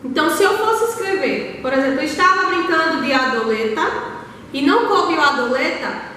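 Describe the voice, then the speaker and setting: High-voiced Brazilian teacher in an echoey hall. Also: female voice, expressive, pushed and bright, slight background noise. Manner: patient, spells things out slowly, checks in with "tá?". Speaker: primary school teacher. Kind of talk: recorded lesson for young children. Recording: very echoey hall, voice far from the mic.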